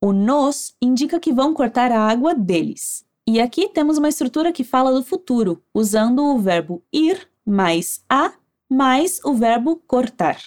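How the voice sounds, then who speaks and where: A woman with a Brazilian Portuguese accent teaching Spanish, giving clear, encouraging instructions and modeling phrases slowly for the listener to repeat. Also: sits high, lively intonation, darkish tone. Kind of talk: language lesson narration with repeat drills.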